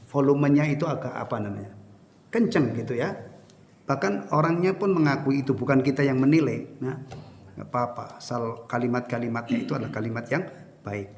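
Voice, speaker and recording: A man's voice: mid-range voice, creaky, darkish tone. A man giving an informal sermon as ustaz, talking conversationally and putting rhetorical questions to his audience. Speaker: ustaz teaching a Islamic study session. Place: prayer room after evening prayer. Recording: echoey hall with long reverb.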